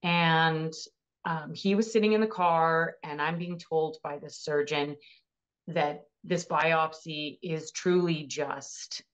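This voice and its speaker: A woman's voice: low voice, fairly even intonation, slow. A woman in her thirties earnestly and emotionally recounting her own experience in an interview. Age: 30s. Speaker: cancer patient sharing her story. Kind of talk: personal storytelling interview.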